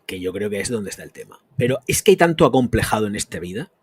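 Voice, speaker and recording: A man's voice: fairly low pitch, very animated, quick pace, darkish tone, slightly rough. A man, a perfume channel host answering chat comments on a live stream in a blunt, crude, emphatic rant.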